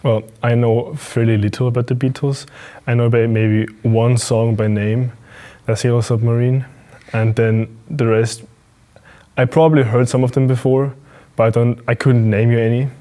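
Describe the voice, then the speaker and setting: Young man, from Austria, mellow tone, slightly stumbling. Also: medium pitch, little pitch movement, moderate pace. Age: young adult. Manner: plain, a little stumbling. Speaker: interviewee.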